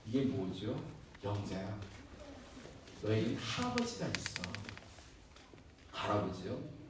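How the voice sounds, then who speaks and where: A pastor preaching in a very echoey church hall, his high voice reaching the mic from a distance. He tells a story with animation and keeps putting questions to the congregation. Faint noise sits under the sound. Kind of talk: sermon.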